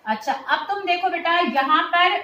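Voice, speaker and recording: A woman teacher with a high voice explains a lab procedure step by step in a school chemistry lab. She talks patiently and keeps checking that her students follow along. The room gives her voice a clear echo. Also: expressive, unhurried, bright, forceful tone, highs cut off, slight background noise. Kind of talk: hands-on lab demonstration. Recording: roomy echo.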